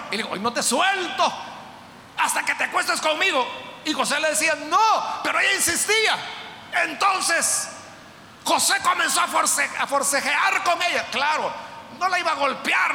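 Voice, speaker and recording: A man preaching a sermon, impassioned and breaking into shouts as he retells a story. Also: extremely high pitch, creaky, slight background noise. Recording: echoey hall with faint ambience.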